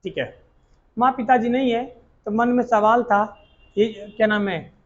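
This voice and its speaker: A man's voice: high voice, steady tone, unhurried, lo-fi sound. A male teacher, telling a history lesson as a story in earthy colloquial talk and quizzing his students as he goes. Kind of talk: exam coaching lecture told as a story.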